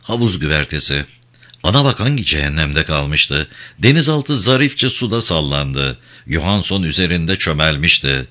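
A man narrates a tense thriller audiobook in a low register. His delivery is bright and forward, with wide dramatic swings in pitch. He reads with steady storytelling focus. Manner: expressive, dramatic.

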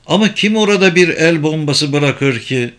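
A man reading the part of a young man, shaken and grieving, in a quiet, distraught voice. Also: on the high side, expressive, moderate pace, voice pushed up.

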